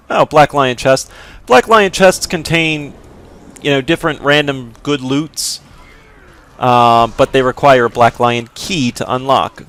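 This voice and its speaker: There's a creaky, slightly bright quality to this man's medium-pitched voice. He's casually narrating a game walkthrough as he plays, wandering off track and hedging with plenty of fillers.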